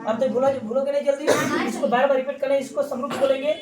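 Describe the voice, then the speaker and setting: A woman's voice: sits high, steady tone, fast talker, over a noisy crowd. A woman teaching a maths class, repeating key terms and quizzing her students. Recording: roomy classroom from a distance.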